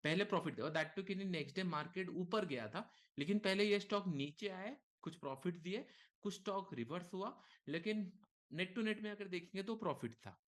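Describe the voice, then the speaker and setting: A man leading a live market lesson, talking casually and thinking aloud, with frequent okays and short pauses. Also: high voice, animated, fairly bright tone. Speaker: trading instructor. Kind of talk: live market teaching session.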